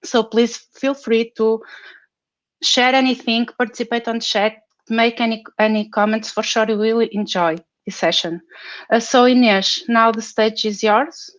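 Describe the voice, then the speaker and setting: A woman's voice: on the high side, steady tone, measured pace, dry recording, dull audio. A woman introducing an online workshop as its moderator. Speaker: session moderator.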